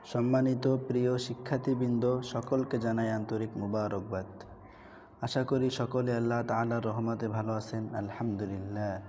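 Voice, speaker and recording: A man's voice: medium pitch, level tone, warm tone. Man, Bangladeshi Bengali accent, Quran reading teacher, drills letter sounds, faint hiss behind. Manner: drills letter sounds, stretches vowels slowly when chanting. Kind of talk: recorded Quran reading lesson.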